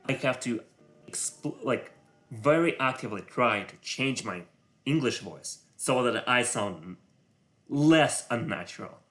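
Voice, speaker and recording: A man whose first language is Russian, speaking English with a Russian accent while thinking aloud on a live coding stream, halting and full of filler sounds. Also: mid-range voice, animated, a bit bright, soft background music. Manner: halting, many filler sounds, muttering to himself; self-conscious about his English voice.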